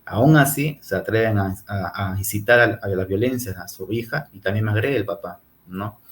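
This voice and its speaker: A man with a Peruvian accent, a guest on a TV interview, recounting his case in a halting way with frequent tag questions. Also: on the low side. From Peru. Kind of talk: TV interview testimony.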